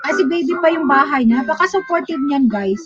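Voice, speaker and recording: A high-pitched woman with a Bicolano-tinged Filipino accent hosts a casual livestream, laughing often and trailing off with fillers as she reads viewer comments. The sound is dull and lo-fi. Music plays clearly underneath her. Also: expressive, fast talker. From Bicol region, Philippines. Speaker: livestream host.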